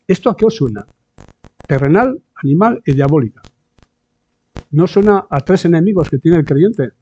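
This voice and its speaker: A man's voice: fairly high pitch, animated, normal speed, mellow, slightly rough. A man giving a conversational church sermon, often adding tag questions and acting out quoted voices. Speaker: preacher. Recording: dull lo-fi sound.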